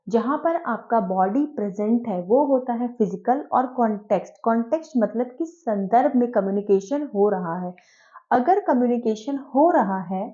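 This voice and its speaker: A woman's voice: on the high side, mellow, lo-fi sound. A woman teacher giving an online exam-prep lecture, explaining step by step and asking herself rhetorical questions.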